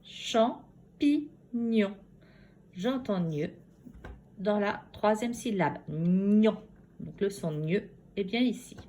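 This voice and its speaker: A schoolteacher working from her home, giving a phonics lesson to young children and sounding out each syllable slowly and carefully. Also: medium pitch, expressive, darkish tone, slight background noise. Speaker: primary school teacher.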